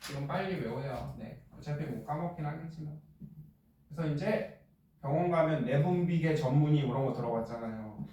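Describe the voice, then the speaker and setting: A middle-aged male teacher lecturing a class in a joking, blunt way and firing quick questions at students. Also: on the high side, mellow, muffled recording, a little hiss or hum. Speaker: middle school science teacher. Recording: echoey classroom from far off.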